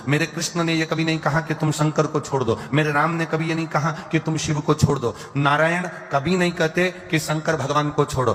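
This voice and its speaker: Male preacher, Madhya Pradesh accent, fervent and repetitive, slightly high voice, long hall reverb. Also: fairly bright tone. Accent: Madhya Pradesh Hindi. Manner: impassioned, repetitive, slow drawn-out singing of verses. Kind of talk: sermon with sung verses.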